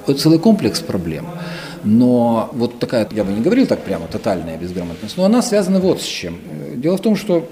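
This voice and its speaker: A middle-aged man heading a university language department, answering interview questions in a measured, lecturing way with some hesitation fillers. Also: mid-range voice, very animated, dark tone, slight background noise.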